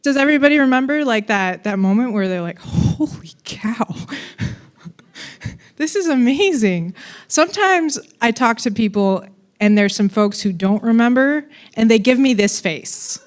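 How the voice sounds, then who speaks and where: A woman's voice: a little high, expressive, moderate pace, smooth. A woman giving a conference talk on coding, casual and playful, with fillers and asides. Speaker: conference speaker.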